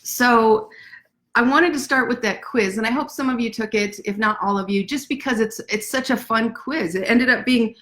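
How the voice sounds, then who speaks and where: A woman author hosting a casual livestream from her desk, chatty and self-deprecating, talking fast. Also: on the high side, a bit bright. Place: at a desk indoors.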